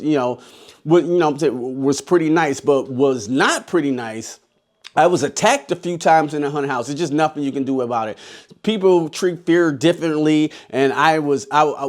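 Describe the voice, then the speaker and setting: A man in his forties, a haunted house scare actor, telling stories in a rambling, profane way with many restarts. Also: a little high. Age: 40s. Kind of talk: casual storytelling vlog.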